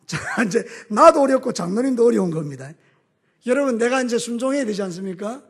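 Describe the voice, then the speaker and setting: A man with a Gyeongsang Korean accent preaching a sermon as a pastor, animated, mixing homely stories with call-and-response in a church. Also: very high voice, a little fast, breathy edge.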